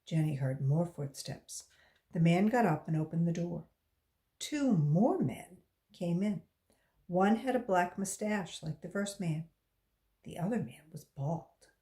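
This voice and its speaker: Reading a children's book aloud, this West Virginia volunteer uses a slow, expressive storytelling style. Her voice is on the lowish side.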